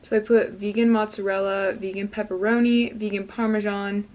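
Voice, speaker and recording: A woman's voice: medium pitch, level tone, moderate pace, highs cut off. A young woman hosting her own mukbang vlog, chatting in an upbeat, slightly nervous way. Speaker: mukbang vlogger. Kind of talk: casual vlog chat.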